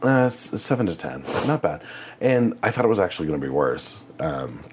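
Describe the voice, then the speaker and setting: Man, very low voice, rambling guest who laughs a lot; faint background noise. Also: very animated, a little fast, darkish tone. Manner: chatty, laughing, rambling with fillers. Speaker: guest, community theater actor. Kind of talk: casual chat.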